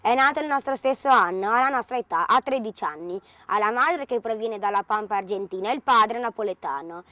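A teenager telling about a strange boy in a lively way on a school news report. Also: fairly high pitch, brisk, no room sound. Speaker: student reporter. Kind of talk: mock field report.

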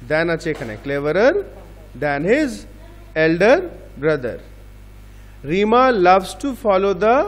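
This grammar lesson comes from a male English teacher speaking with a Bengali accent in a high voice inside a large hall. He asks questions and answers them on his own, explaining things in Bengali but giving examples in English.

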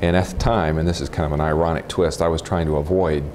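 Speaking in a bass voice with fairly even intonation, a nuclear physicist in his forties from Texas recounts his past in an informal oral history interview. His American-accented delivery is matter-of-fact and halting. A lapel mic records him in a room of a house, faint noise behind.

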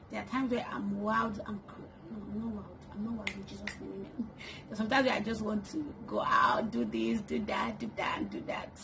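Speaking with vocal fry at a fairly high pitch, a woman in her twenties records a get-to-know-me vlog in her bedroom. She's playful and laughs often, addressing a camera on a tripod. There's background noise.

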